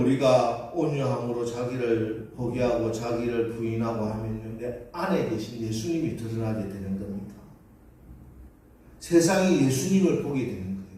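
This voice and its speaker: A man's voice: mid-range voice, dark tone. A man preaching a Sunday sermon as pastor, telling a story and acting out the people in it with rising emphasis. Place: large church sanctuary. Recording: echoey church hall from far off.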